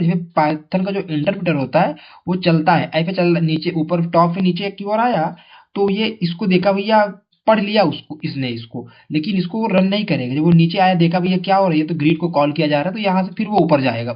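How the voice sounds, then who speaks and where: A male tutor giving an exam coaching lesson in a chatty way, asking his students questions and repeating the answers. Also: high voice. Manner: calls viewers brother. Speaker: teacher. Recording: dull lo-fi sound.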